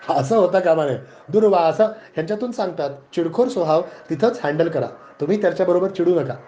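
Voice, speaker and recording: A man with a Marathi accent giving a devotional discourse, chanting verses slowly and then retelling the story in lively, joking everyday talk. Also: high voice. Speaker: spiritual discourse speaker. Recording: dull lo-fi recording.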